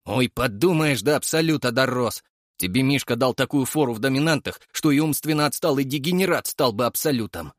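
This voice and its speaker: A man voicing a touchy young man who is quick to take offence and whines indignantly. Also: medium pitch, expressive, no room sound, clean studio sound, voice pushed up, lightly acted. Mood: sour. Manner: whiny, indignant.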